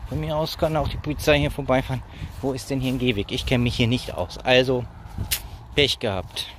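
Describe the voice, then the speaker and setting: A man in his thirties chats in a rambling, casual vlog style as he walks. His voice sits at an average pitch. It is recorded outdoors on a phone, with clear roadside noise and traffic behind him. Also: steady tone, a little fast. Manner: rambling, talking while walking. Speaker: vlogger. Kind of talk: casual chatty walking vlog. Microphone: phone held at arm's length.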